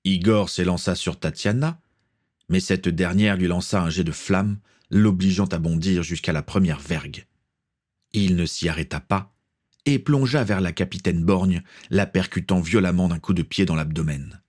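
A man reading a pirate adventure story aloud, steady and dramatic. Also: low voice, moderate pace. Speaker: narrator. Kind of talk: storybook narration.

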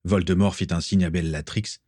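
A man narrating a storybook aloud with an expressive reading. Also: sits low, moderate pace, no room sound, clean studio sound. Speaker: audiobook reader.

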